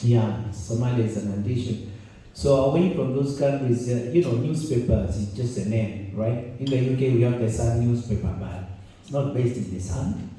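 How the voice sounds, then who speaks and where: Speaking at medium pitch and normal speed, a Kenyan man with a dark-toned voice opens a conference he's hosting. He's an event host and journalist whose delivery is chatty and jokey, with frequent restarts. The recording is distant, from a mic set back in a roomy conference hall.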